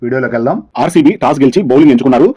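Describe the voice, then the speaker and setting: Fast-talking Telugu Indian man recapping sport. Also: mid-range voice, dark tone, slightly rough. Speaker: YouTube channel host. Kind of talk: sports match recap narration. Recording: dull, lo-fi audio.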